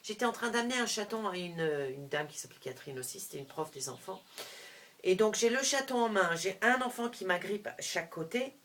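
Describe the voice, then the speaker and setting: A middle-aged woman telling a personal story to camera, animated, with frequent restarts, moving between hushed and loud. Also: medium pitch, brisk, slight background noise. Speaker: vlogger.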